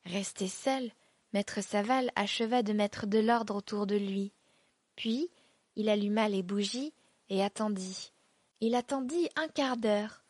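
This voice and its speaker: A woman narrates a classic tale in a measured, expressive way, her voice a touch high. The recording is close and dry, with no room around it. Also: husky, no echo. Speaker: audiobook narrator. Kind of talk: scripted narration of a classic story.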